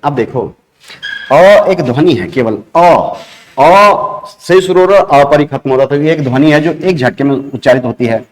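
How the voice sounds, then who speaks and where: Uttarakhand-accented guy teaching grammar for an exam, mid pitch, keeps repeating terms and asking the class stuff while he writes on a board. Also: darkish tone. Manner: explains step by step, repeating key terms and asking questions to the class. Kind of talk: exam-prep grammar lesson.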